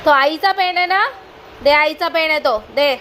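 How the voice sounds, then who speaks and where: A woman's voice: high-pitched, moderate pace, bright, forceful tone, a little hiss or hum, low-quality recording. A young woman scolding her toddler at home, stern and firm, asking the same question over and over. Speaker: mother.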